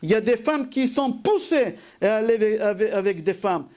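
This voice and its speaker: Man, rabbi, sermon, very high voice, rhetorical questions, repeated phrases. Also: expressive, normal speed, a little mellow. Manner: asks rhetorical questions and answers them himself; repeats key phrases for emphasis.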